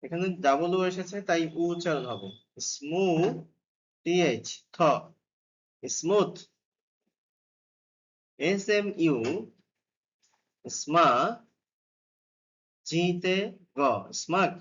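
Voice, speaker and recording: A man teaching phonics at a very slow, patient pace. He spells each word letter by letter before sounding it out, with an even pitch that sits in the middle. The recording is dull and lo-fi. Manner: spells words letter by letter, then sounds them out. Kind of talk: spelling lesson for beginners.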